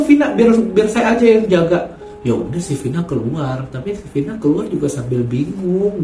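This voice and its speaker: A man's voice: mid-range voice, a little mellow. A man hosting a horror story channel, chatting casually and addressing his listeners directly. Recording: echoey room, faint music.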